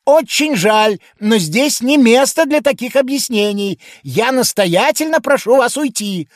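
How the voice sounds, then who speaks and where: A man's voice: extremely high pitch, expressive, measured pace, dry recording, pitched above the performer's own voice. A man voicing a stern, officious male policeman who gives firm, insistent orders, in a dry studio recording.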